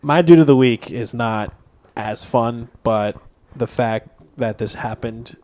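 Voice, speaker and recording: A man's voice: medium pitch, takes it slowly, darkish tone. Laid-back young man telling stories. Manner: laid-back storytelling, laughs often. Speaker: podcast co-host. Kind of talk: casual chat.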